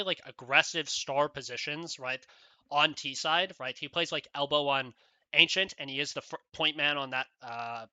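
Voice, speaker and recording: A man's voice: a little high, pushed and bright, dry recording. A man giving rambling solo esports commentary, casual, with many fillers and "right?" tags.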